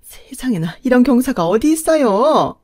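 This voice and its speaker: Woman doing a shrill older mother-in-law. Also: very animated, normal speed, no echo, clean studio sound. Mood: gushing. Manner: shrill, shouting, gushing.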